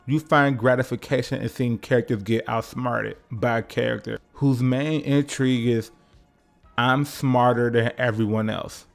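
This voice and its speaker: A man delivers a loose, comedic video essay, breaking off into jokes, swearing and chatty asides to the viewer. His mid-pitched voice has a gravelly rasp to it, and soft music runs underneath him. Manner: joking, profane, conversational asides.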